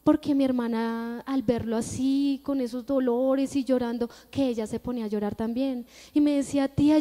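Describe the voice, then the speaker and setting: A woman's voice: high-pitched, mellow. A young woman with a Colombian Spanish accent, giving an earnest testimony in a church service. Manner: earnest, storytelling, emphatic. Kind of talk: testimony sermon. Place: church hall. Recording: long church-hall reverb.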